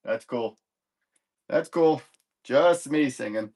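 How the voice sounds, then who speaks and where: A man's voice: mid-range voice, slow pace, a little mellow, slightly rough. A man hosting a live comic book sales stream in casual chat, rambling and easygoing as he corrects himself and cracks light jokes.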